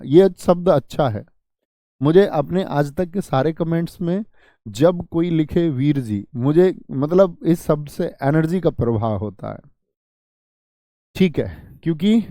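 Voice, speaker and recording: Male coaching-class tutor, a bit high-pitched, dry mellow sound, quizzing students and joking with them. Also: no echo. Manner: drills students with repeated call-and-response questions; chatty, joking, reads student comments aloud. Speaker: exam coaching teacher. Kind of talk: live online class.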